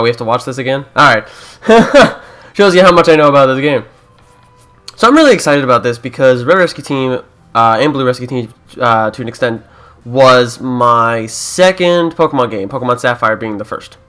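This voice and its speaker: A man's voice: mid-range voice, a bit bright, smooth. A young Canadian man who is a YouTuber, chatting casually through a let's-play, joking and reading game prompts aloud.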